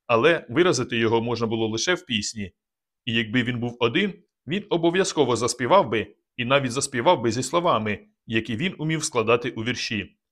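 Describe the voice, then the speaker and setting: A man narrating an audiobook in a calm, measured reading. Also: mid-range voice. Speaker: audiobook reader. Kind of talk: scripted narration.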